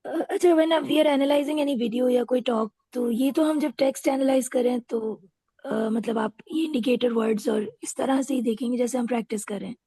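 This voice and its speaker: A woman's voice: high-pitched, moderate pace, dark tone, breathy edge, dry recording. A woman student on a video call asking a question politely and a little hesitantly, mixing English and Urdu. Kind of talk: asking questions in online class.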